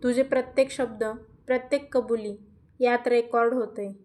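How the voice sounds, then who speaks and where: A woman voicing a calm, determined young man who keeps steady under threat. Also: on the high side, moderate pace, natural voice.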